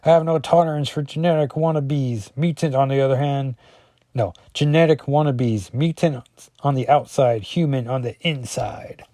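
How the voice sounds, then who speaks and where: Man doing a smug comic-book brute, raised pitch, dark tone, menacing. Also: moderate pace, dry recording, clean studio sound, lightly acted. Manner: smug, threatening. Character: menacing hulking male mutant villain.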